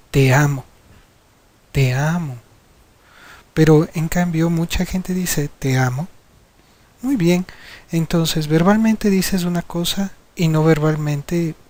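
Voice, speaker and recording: A man's voice: on the high side, a little mellow. A middle-aged man, a psychiatrist, giving a lecture on communication and acting out different tones of voice as examples. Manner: demonstrative, acts out tones of voice as examples. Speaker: psychiatrist teaching a hypnosis course.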